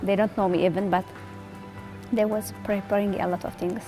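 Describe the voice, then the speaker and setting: A woman's voice: mid-range voice, flat delivery, moderate pace, over music. A woman, a resettled refugee speaking earnestly in simple phrasing in a documentary interview. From Eritrea.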